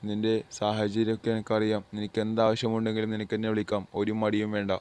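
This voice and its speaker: A man voicing a brisk company boss who lays off a worker, in an amateur dub of a game short film. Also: on the low side, completely flat delivery, a little mellow, clean tone, natural voice. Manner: brisk and matter-of-fact. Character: male company boss, blunt and businesslike.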